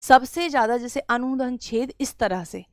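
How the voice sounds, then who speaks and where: A fairly high-voiced woman from Bareilly, with a western Uttar Pradesh accent, teaches grammar to her online class at an unhurried, deliberate pace. A sore throat roughens her voice, and she keeps repeating key points for the students. The sound is close and dry, with no room echo. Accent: western Uttar Pradesh (Bareilly) Hindi. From Bareilly district, Uttar Pradesh, India. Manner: patient, repeats key phrases, addresses students as beta.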